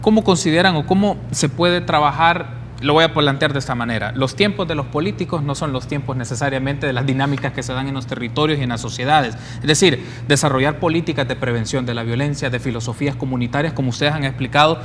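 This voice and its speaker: Fast-talking male interview host. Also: mid-range voice, a bit bright, in a large hall, a little hiss or hum. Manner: measured, formal, framing questions. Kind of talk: broadcast interview moderation.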